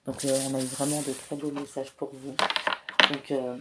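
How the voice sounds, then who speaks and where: A soft-spoken tarot and oracle card reader gives a spiritual guidance reading in a very deep, monotone voice. She has a cold, clears her throat often, and speaks hesitantly with many filler pauses. The background is noisy.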